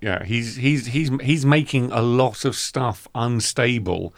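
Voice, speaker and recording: A man's voice: mid-range voice, a little slow, no echo. A man hosting a literary podcast, thoughtful and given to restarting his sentences as he talks about books. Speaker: podcast host. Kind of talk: literary discussion.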